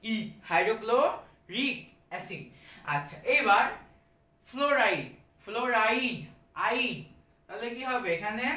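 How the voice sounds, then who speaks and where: A woman's voice: fairly high pitch, fairly bright tone. A woman teaching a school science lesson, asking questions and repeating the answers to her pupils. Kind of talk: classroom lesson. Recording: echoey room, distant mic.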